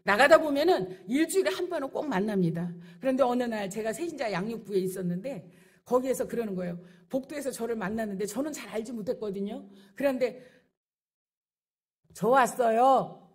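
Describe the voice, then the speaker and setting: A woman's voice: a little high, lively intonation, fast, darkish tone, slightly rough. A middle-aged woman pastor preaching a sermon with rising passion, acting out the people she quotes. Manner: impassioned preaching with acted-out quotes.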